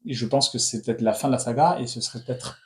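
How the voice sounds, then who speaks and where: A film review host in his thirties talks in a medium-pitched, slightly mellow voice. He offers strong opinions in quick, restless bursts, frequently restarting his sentences.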